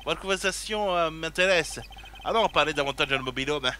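A man's voice: fairly high pitch, brisk, sharp tone, slight background noise. A man voicing a cold, domineering woman who runs a studio, with a curt, condescending way of talking. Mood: smug.

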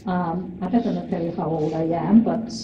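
An older woman from Serbia giving an earnest, unhurried talk to a cooking class, with frequent pauses. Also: on the low side, steady tone, highs cut off, noisy background. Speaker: cooking demonstrator. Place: large plain hall with kitchen tables. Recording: echoey hall, voice from far off.

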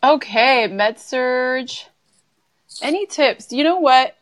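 A woman's voice: high-pitched, lively intonation, takes it slowly, a little hiss or hum. A woman guest nurse in a casual live-stream chat, giggly and self-deprecating.

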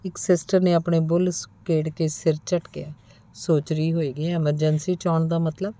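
Low, mellow woman reading a story. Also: level tone, moderate pace. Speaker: audiobook narrator. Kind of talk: narrated short story reading.

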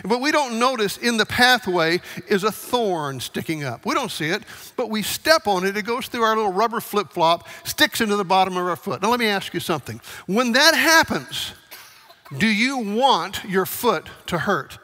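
A man's voice: sits high, animated, moderate pace, bright, forceful tone. A male pastor preaching a sermon in a church, talking conversationally and asking the congregation to raise hands. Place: church sanctuary. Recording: long church hall reverb.

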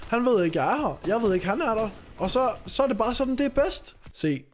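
A young Danish man streaming a shooter game, commenting excitedly and often yelping and shouting, talking very close to the microphone. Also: very high voice, noisy background. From Denmark. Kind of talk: live gaming commentary.

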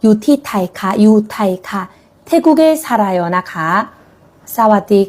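A woman's voice: mid-range voice, animated, normal speed, mellow. A woman teaching a Korean language lesson, speaking patiently and encouragingly as she models example sentences.

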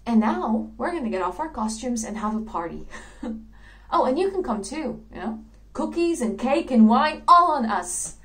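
A woman playing a dreamy, idealistic young actress in a theatrical monologue, telling her story earnestly with soft laughs. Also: a little high, big pitch swings, moderate pace, low-quality recording. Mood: excited.

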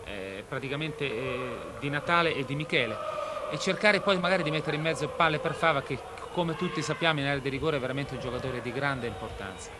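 A man's voice: medium pitch, fairly quick. A man with an Italian accent giving unscripted tactical analysis as a football co-commentator. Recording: constant stadium noise behind voice. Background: stadium ambience.

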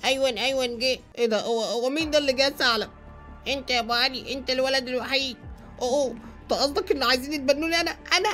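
A young man with an Egyptian accent, excitably hosting and narrating a game movie. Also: very high voice, rapid-fire, soft background music. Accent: Egyptian Arabic. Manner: excitable, exclamatory. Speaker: YouTube gamer host.

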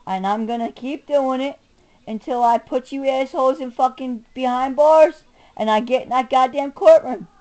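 The voice here is high with a darkish tone, moving at a moderate pace, and the recording is rough. It belongs to a middle-aged woman ranting angrily at her own camera, profane and combative, stressing words and alternating between muttering and raised-voice outbursts.

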